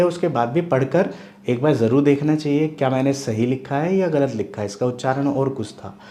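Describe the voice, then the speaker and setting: A man's voice: mid-range voice, a little mellow, a little hiss or hum. A man teaching a lesson, explaining patiently and steadily, now and then checking in with his listeners. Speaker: Hindi teacher.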